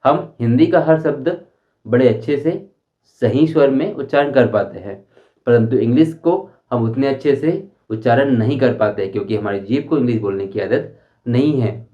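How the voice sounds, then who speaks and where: A man teaching a spoken English lesson, explaining slowly and deliberately and repeating his examples. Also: mid-range voice, dull audio. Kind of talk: Hindi-language English lesson.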